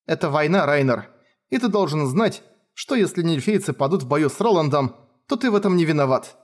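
A man reading an audiobook, voicing a tearful, devoted young woman warrior who pleads and breaks into shouts. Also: fairly high pitch, expressive, brisk. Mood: pleading. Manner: pleading, sobbing, rising to shouts. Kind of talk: audiobook character voice.

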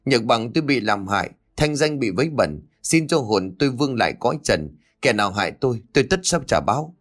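A man's voice: mid-range voice, very animated, a little fast. A man voicing a wronged young daughter-in-law, pleading and swearing a solemn oath.

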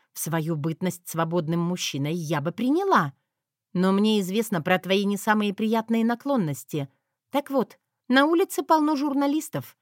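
A woman voicing a sharp-tongued, defiant young heroine. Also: mid-range voice, no room sound, studio quality, natural voice. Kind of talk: audiobook character voice.

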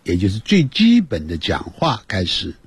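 Very husky, animated male teacher. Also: on the low side, no room sound. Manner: slow, drawn-out demonstration with many repetitions. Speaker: English teacher. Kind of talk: beginner language lesson for children and parents.

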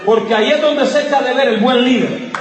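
A man, a pastor, preaching a fiery sermon to his congregation, calling out questions to the crowd and rising to shouts. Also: very high-pitched, brisk. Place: church service with congregation. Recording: echoey hall, distant mic, crowd noise.

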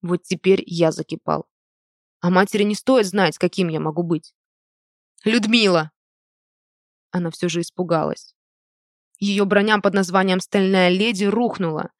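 An audiobook reader narrating a first-person novel in a measured, even way, recorded close to the mic. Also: mid-range voice, no echo.

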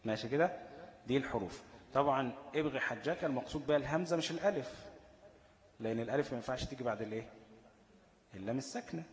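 A man's voice: medium pitch, very fast, long pauses. Egyptian man teaching, long room echo. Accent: Egyptian Arabic. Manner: asks questions and answers them himself, checks understanding often. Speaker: Quran recitation teacher. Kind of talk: explanatory lesson.

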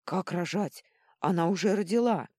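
A woman voicing a loud, bossy matron who shouts. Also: on the low side, moderate pace, breathy edge, dry recording, studio quality, pitched above the performer's own voice. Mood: yelling.

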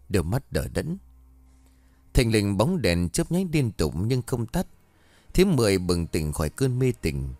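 Expressive male ghost-story narrator. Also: on the low side, dry recording. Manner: dramatic, expressive reading.

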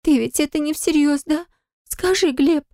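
A woman voicing a capricious, greedy young wife in an audiobook, high and squealing. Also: fast talker, dark tone, dry recording, studio quality, close to an everyday voice. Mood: wheedling. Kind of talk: audiobook character voice.

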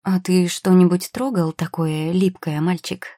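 A woman's voice: fairly low pitch, fairly even intonation, measured pace, mellow, no echo, studio quality. A woman reading a storybook who voices a patient young potion-maker girl, soothing and practical.

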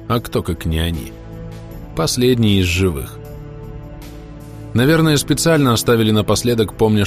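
A man's voice: lowish voice, no room sound. A man narrating a first-person audiobook.

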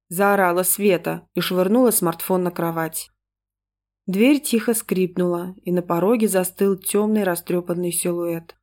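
A woman narrating a story aloud in a lively, ironic tone. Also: fairly low pitch. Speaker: audiobook narrator. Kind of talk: scripted narration.

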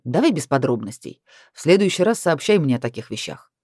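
A man's voice: on the high side, sing-song, a little fast, a little mellow, breathy edge, no echo, clean studio sound. A woman voicing a sarcastic, stern middle-aged male boss in an audiobook. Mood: sardonic.

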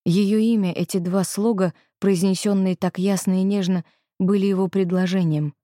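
A woman narrating a novel in calm, measured scripted narration. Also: medium pitch, no echo, studio quality. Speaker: audiobook narrator.

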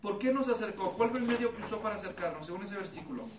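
A man's voice: sits high, rapid-fire. A man preaching an expository Bible study, asking the congregation questions, repeating their answers back and acting out voices in his stories. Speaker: pastor teaching a Bible study. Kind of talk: expository sermon with anecdotes. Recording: echoey room, mic at a distance, noisy.

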